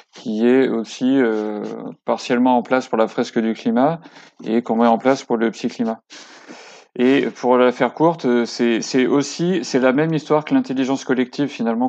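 A man's voice: mid-range voice, a little mellow, muffled recording. A man speaking as a guest on a casual podcast interview, hesitant with many fillers and restarts but enthusiastic. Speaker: podcast guest, workshop co-creator.

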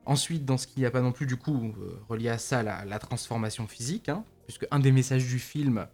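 A man's voice: medium pitch, a little fast, darkish tone, soft background music. A man co-hosting a casual film podcast, talking with many fillers and restarts and laughing often. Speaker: podcast co-host.

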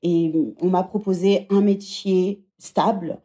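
A woman in her thirties talks as a podcast guest in a conversational interview. Her voice sits at a middle pitch with a mellow, warm tone. She reflects aloud as she answers. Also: flat delivery, takes it slowly. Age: 30s. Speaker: podcast guest, former teacher.

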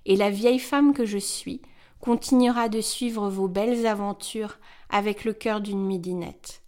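A woman's voice: mid-range voice, fairly even intonation, a little slow, darkish tone, lightly acted. A woman reading as a wistful 73-year-old woman. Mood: tender. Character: 73-year-old woman, retired textile worker, wistful and grateful. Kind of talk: scripted narration of a letter.

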